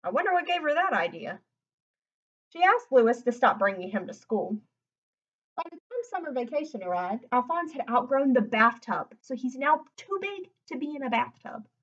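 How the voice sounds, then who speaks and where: A high-voiced woman reads a children's storybook at home while sitting on the floor, hosting the reading with chatty asides and explaining things simply for young kids. She sounds very animated at a normal speed, and the audio is lo-fi.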